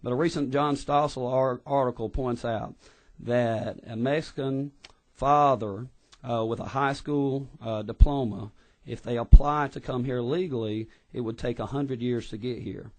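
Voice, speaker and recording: A man's voice: mid-range voice, darkish tone. A man giving earnest, impassioned testimony at a legislative hearing, often restarting his words. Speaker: public witness at a legislative hearing. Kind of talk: formal testimony. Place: hearing room.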